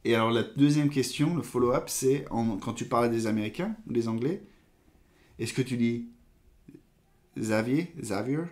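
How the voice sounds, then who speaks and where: A man's voice: mid-range voice, moderate pace, a little mellow. A man hosting a live coding stream, thinking aloud with hesitations and trailing phrases while he tests code and reads viewer questions.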